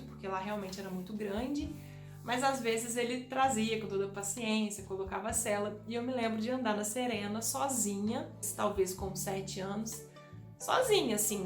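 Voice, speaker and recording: A woman telling a childhood memory to her viewers in an animated way, often speaking to them directly. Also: mid-range voice. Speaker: vlogger. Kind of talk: personal storytelling. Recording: echoey room.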